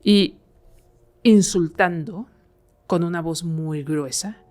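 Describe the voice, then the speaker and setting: A woman with a notably low voice recounts a chilling tale as a podcast guest. She talks casually, leaning on fillers like "eh" and "este" as she goes. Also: slow, a little mellow. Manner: conversational, many fillers like "eh" and "este". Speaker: guest storyteller. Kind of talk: telling a horror story on a podcast.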